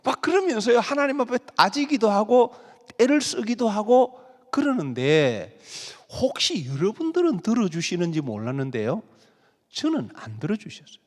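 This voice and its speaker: A man's voice: high-pitched, very animated, moderate pace, in a large hall. A male pastor preaching a sermon, acting out pleading prayers in dramatic voices.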